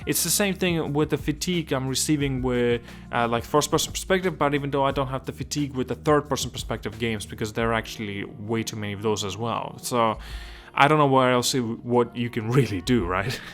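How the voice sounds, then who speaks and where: A man from Estonia talks through a new game in a loose, rambling way, often starting over mid-sentence. His voice sits in an ordinary middle pitch. Quiet music plays faintly under him. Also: a little fast. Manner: rambling, restarts a lot, keeps asking if it makes sense. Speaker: gaming video host. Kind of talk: casual gaming commentary.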